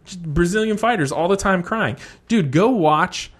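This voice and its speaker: A man's voice: high voice, expressive, normal speed. A man in his thirties co-hosting a casual fight podcast, chatty and teasing, telling jokey stories. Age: 30s. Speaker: podcast co-host. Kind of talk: casual chat about fights.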